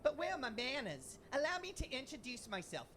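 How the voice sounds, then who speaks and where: Woman doing a bright, earnest young would-be inspector. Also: high voice, big pitch swings, fairly quick, a little hiss or hum. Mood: theatrical. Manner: theatrical, dramatic sighs and sobs. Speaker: fan voice actor. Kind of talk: fan dub of game dialogue. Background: game music.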